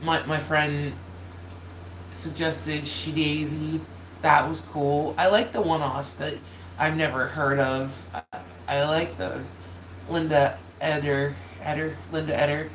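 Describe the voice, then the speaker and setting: Speaking slowly at a medium pitch, with fairly even intonation and a bit of brightness, a YouTuber chats casually to holiday livestream viewers. The nasal voice cracks slightly, and they often apologize, lose track, and restart. The home room echoes, with a loud space heater humming faintly.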